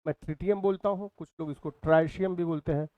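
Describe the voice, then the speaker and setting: A man's voice: fairly high pitch, steady tone, fast talker, dry recording, phone-quality sound. A man teaching a physics class in speech, repeating key terms and asking his students questions. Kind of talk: classroom lecture.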